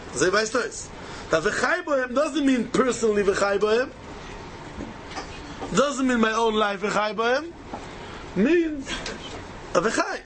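A man's voice: high-pitched, fairly bright tone, a little hiss or hum, low-quality recording. A man with a Yiddish accent teaching a Talmud lesson, emphatically asking rhetorical questions and repeating key phrases as he answers them. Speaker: Torah teacher.

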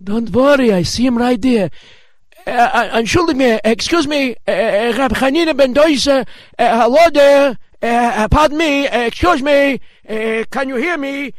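A man's voice: very high-pitched, normal speed, dry recording, voice pushed up. A man playing a fretful old townsman who stammers and hurries, in a children's story. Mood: anxious. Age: older. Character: fretful old townsman seeking the rabbi's help.

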